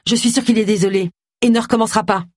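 A woman reading a brisk, bossy woman sleuth. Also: fairly high pitch, fairly even intonation, a little mellow, no echo, studio quality, pitched above the performer's own voice, close to an everyday voice. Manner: brisk and commanding.

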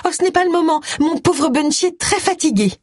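A woman voicing a nervous, gushing wife in an audiobook reading, her voice pitched up high. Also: lively intonation, a little fast, dry recording, clean studio sound. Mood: fluttery.

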